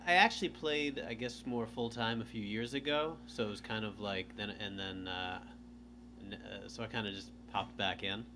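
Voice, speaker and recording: A man's voice: lowish voice, moderate pace, background noise. A man who plays in the band now and then, answering hesitantly and trailing off. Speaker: occasional band member. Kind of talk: casual interview chat.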